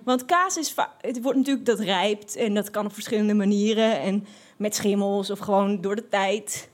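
A woman telling a personal anecdote in a lively, expressive way, with frequent fillers and restarts. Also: medium pitch, moderate pace. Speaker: storyteller.

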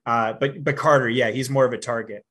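A man's voice: mid-range voice, steady tone, brisk, fairly bright tone, husky. A man giving fantasy football analysis in a casual podcast chat, with many fillers and restarts but firm opinions. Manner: frequent fillers and repeated starts, confident opinions.

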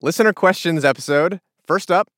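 A man's voice: a little high, a little fast, a bit bright, dry recording, studio quality. An American man speaking as a playful, conversational podcast co-host. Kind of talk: conversational radio hosting.

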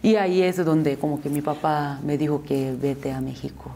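A woman's voice: deep voice, steady tone, normal speed, warm tone. A young Korean woman with a Korean accent, speaking Spanish as a second language in a casual interview, with many restarts and repeated words. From South Korea. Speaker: interview guest.

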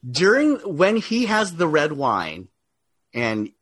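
A man's voice: on the high side, huge pitch swings, slow pace, fairly bright tone, husky. A man chatting casually about film as a podcast panelist.

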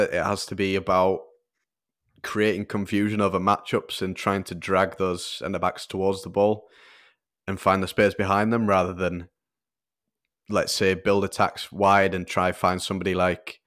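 A man co-hosting a football podcast, explaining tactics in a measured, analytical way with soft fillers. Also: low voice, flat delivery. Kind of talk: casual tactical football discussion.

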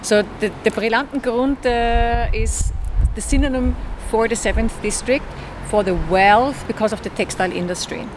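A woman's voice: on the high side, steady tone, normal speed, hardly any pauses. A woman, a city guide explaining history in chatty, filler-laden talk outdoors. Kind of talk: casual walking tour chat. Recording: street noise behind.

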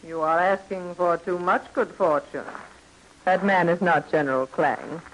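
A man's voice: sits high, steady tone, a little slow. A man playing a cool, formal, cautioning commando ally in a 1940s radio drama, with precise diction, on a noisy vintage recording.

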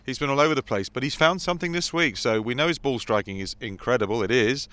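A man analyses golf in a smooth, resonant voice of medium pitch. He talks casually but emphatically, stacking short phrases. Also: quick pace, a bit bright, dry recording. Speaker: golf pundit.

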